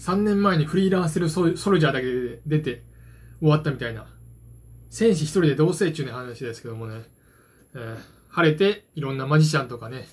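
Casual solo vlogger, man in his 40s, husky and slightly high-voiced, self-deprecating ramble. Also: expressive, fairly quick. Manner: self-deprecating, hesitant asides. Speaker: vlogger, card game hobbyist. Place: small dim room at home, indoors. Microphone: phone propped at arm's length.

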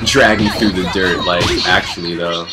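A young man doing casual, profane game commentary with slangy frat-bro talk, excitable and whiny when he is losing. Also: deep voice, normal speed, very noisy. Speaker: gamer doing a playthrough of a fighting game. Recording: loud game music behind. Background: loud game music.

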